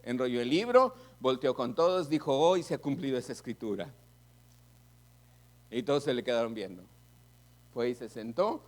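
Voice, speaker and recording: A man with a Mexican Spanish accent preaching a sermon as pastor, animated, acting out the voices of congregants. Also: medium pitch, moderate pace, pauses often. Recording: music playing behind.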